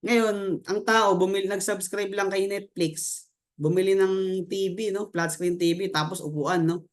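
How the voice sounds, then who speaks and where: A man's voice: sits high, steady tone. A man giving a casual sales presentation, mixing English terms into his talk and tacking questions onto his sentences. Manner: peppers talk with tag questions, mixes English terms into Tagalog; loose, halting delivery with restarts and fillers. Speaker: business opportunity presenter.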